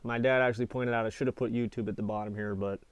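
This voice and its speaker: A man's voice: lowish voice, fairly even intonation, fast, clean tone, no echo. An American man in his twenties reviewing products in a casual, laid-back, plain-spoken chat, talking with a lip full of dip. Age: 20s. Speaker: product reviewer, video channel host. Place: small indoor space with foil-insulated walls.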